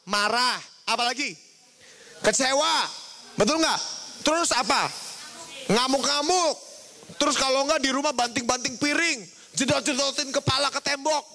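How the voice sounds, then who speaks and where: High, bright-voiced young youth preacher. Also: male voice, moderate pace, long pauses. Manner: lively, asks the crowd "right?" again and again; mimics people and makes bleep sounds for swear words. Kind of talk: youth sermon.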